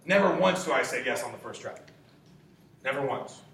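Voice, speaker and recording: A man's voice: medium pitch, animated, normal speed, creaky, a bit bright. A man in his twenties gives a sales training talk to a group, emphatic and punchy, firing off rhetorical questions and swearing casually. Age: 20s. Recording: very echoey room, distant mic, faint hiss.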